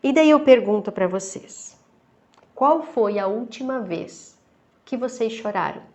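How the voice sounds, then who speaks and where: A woman's voice: fairly high pitch, lively intonation, dark tone. A woman deacon with a Brazilian Portuguese accent, giving a reflective Bible study and reading scripture aloud, often checking in with her listeners. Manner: slow, thoughtful, with frequent "né?" tags.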